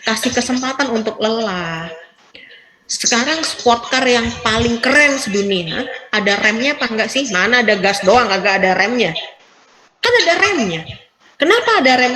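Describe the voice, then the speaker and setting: A middle-aged woman psychiatrist giving a lively, animated motivational talk, acting out quoted voices and laughing often. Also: high voice, poor audio.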